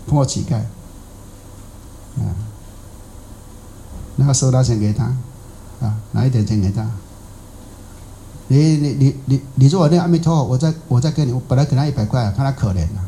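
A middle-aged man speaks as a Buddhist monk, telling stories in a loose, conversational dharma talk. He keeps asking his listeners questions and repeats himself often. His voice is dark and mellow, and a faint hiss sits in the background. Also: medium pitch, normal speed, pauses often, poor audio. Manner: chatty, rhetorical questions, many fillers and repeats. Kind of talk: colloquial dharma talk with anecdote.

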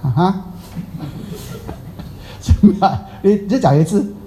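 A man's voice: sits high, expressive, slow, warm tone, slight background noise. A man teaching a Buddhist class in a chatty, teasing way, quizzing his listeners. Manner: chatty, teasing, asks the audience questions. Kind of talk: Dharma talk to a class.

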